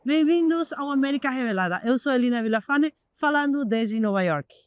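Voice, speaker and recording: A woman's voice: high voice, lively intonation, a little fast, dull audio, noisy background. A woman opening a news show in a questioning, inviting manner. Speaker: news host. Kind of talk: scripted show intro.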